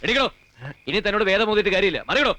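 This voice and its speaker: An actor playing an impatient senior police officer who gives curt commands. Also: male voice, high-pitched, animated, rapid-fire, pushed and bright, soft background music.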